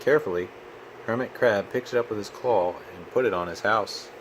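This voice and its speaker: A man reading a storybook aloud to a child in an expressive, patient manner. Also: lowish voice, a little fast, noisy background. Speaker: children's book reader.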